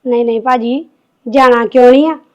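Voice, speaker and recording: Woman doing a gentle young bahu, high voice, kinda far off and muffled. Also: steady tone, fairly quick, natural voice. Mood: placating. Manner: soft, placating. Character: young wife, obliging daughter-in-law. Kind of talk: Punjabi family drama acting.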